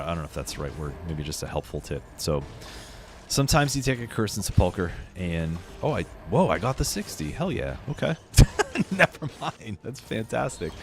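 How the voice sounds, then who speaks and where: Streaming a game live, a very deep-voiced man chats in a relaxed way, with plenty of fillers. He sounds a bit hoarse and sniffly from a cold, while game music plays faintly behind him.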